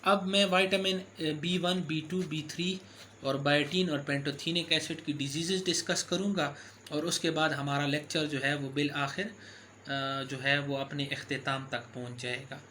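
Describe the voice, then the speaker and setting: Man, somewhat high voice, medical lecturer, explanatory delivery with fillers, faint background hiss. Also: fairly even intonation, a little slow, sharp tone. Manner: explanatory, with frequent fillers and self-corrections. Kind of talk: recorded lecture.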